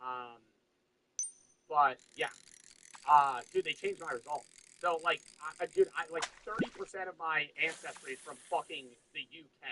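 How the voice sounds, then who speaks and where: A man's voice: on the high side, moderate pace, noisy background. A young man streaming, chatting casually, rambling and swearing with frequent laughs. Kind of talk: casual chat.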